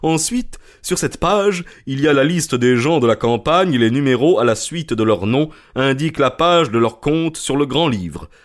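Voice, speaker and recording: A man reading an audiobook, voicing an irritable middle-aged goose seller who talks gruffly and boastfully. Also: medium pitch, lively intonation, normal speed, hardly any pauses, voice pushed up, lightly acted. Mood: mocking.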